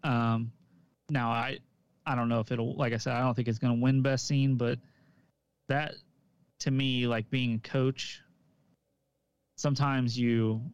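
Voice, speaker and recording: A man with a smooth, resonant voice co-hosts a casual podcast and talks about coaching. He speaks easily, hedging his points and filling them with "like" and "um". The recording is dull and lo-fi, with a very dry sound. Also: medium pitch, level tone, unhurried, pauses often, dry recording. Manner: easygoing, hedging, fills with "like" and "um". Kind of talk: casual chat.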